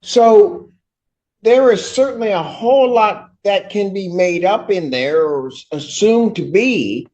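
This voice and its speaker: A male judge with a high voice speaks slowly and deliberately, weighing his words. He lays out what he knows in plain terms. The sound is a dull, lo-fi courtroom recording. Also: animated, darkish tone. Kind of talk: questioning counsel at a hearing.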